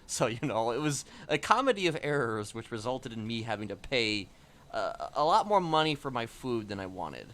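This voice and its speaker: A man chats casually in character during a role-play game, his medium-pitched voice very animated, a bit bright, and at a moderate pace. He rambles hesitantly, padding sentences with fillers and often saying "you know." There's a slight hiss or hum in the recording.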